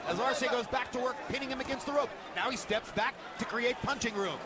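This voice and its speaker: A man's voice: very high-pitched, fairly quick, very noisy. A man giving live play-by-play boxing commentary as the main caller. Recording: loud arena crowd behind commentary.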